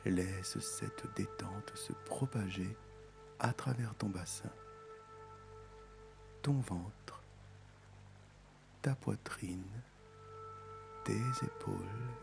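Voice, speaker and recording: A man guiding a meditation in a soft, soothing, intimate voice, as if speaking right into your ear. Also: on the low side, gravelly. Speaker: meditation guide. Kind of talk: guided meditation. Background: music.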